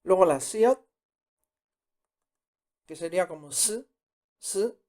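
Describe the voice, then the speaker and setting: Slow, patient man teaching sounds. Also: sits high, lively intonation, a little mellow. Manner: patient, repeats each sound twice. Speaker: Korean language teacher. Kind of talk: slow step-by-step pronunciation lesson.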